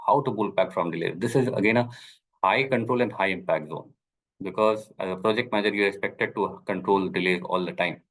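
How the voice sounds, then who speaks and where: A man giving an online talk, speaking in a measured way with many pauses, while his voice breaks up and cuts in and out over an unstable video call connection. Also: low-pitched, a bit bright, rough recording. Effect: voice breaking up over an unstable internet connection. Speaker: webinar speaker. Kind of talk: online talk on project management. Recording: video call audio cutting in and out.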